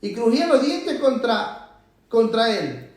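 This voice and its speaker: Captured from far off in a reverberant church hall, a man's very high, very animated voice moves slowly through a sermon. He exhorts the congregation emphatically, his voice swelling loud as he presses his message.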